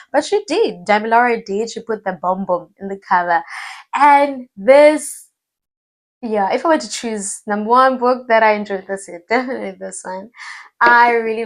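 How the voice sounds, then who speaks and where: Animated woman reviewing books. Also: mid-range voice. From South Africa. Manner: animated and emphatic, repeats words for stress. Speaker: book vlogger. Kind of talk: casual book review.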